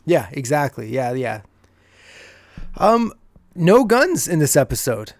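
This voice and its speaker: A man's voice: fairly high pitch, big pitch swings, slow, dry recording, clean studio sound. A man co-hosting a podcast, recapping an episode in a casual, chatty way and often chuckling as he goes. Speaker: podcast co-host.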